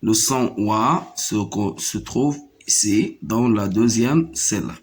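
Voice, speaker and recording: A man's voice: fairly low pitch, slow. A man teaching French to young pupils, repeating each word several times and counting its syllables aloud. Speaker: primary school French teacher. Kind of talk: slow classroom reading lesson.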